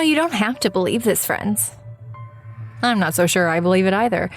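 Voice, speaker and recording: In an audio drama, a woman with a fairly high voice plays a weary writer. She muses and confides in the listener, slipping in wry, self-mocking asides.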